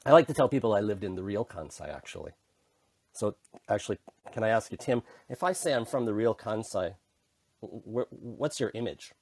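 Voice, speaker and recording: A man's voice: on the low side, lively intonation, a little fast, no room sound. A middle-aged man with a Canadian accent, a podcast guest casually telling his own story with frequent restarts. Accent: Canadian English. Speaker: podcast guest, intercultural communication consultant. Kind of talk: casual conversational interview.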